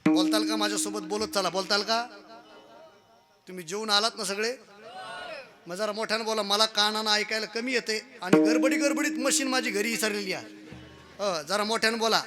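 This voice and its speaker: A high-pitched man preaching a kirtan to a crowd in an outdoor pavilion. He teases, commands and calls for answers, then declaims in rising, half-sung lines. Devotional music keeps playing clearly behind his amplified voice. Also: steady tone, normal speed, long pauses. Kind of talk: kirtan sermon.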